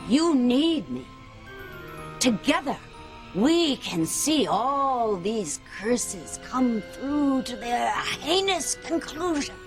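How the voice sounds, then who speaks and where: A woman's voice: fairly high pitch, big pitch swings, very slow, soft background music, exaggerated voice. A cackling witch trapped in a bottle. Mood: gloating. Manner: cackling, scheming, theatrical. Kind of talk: TV soap opera acting.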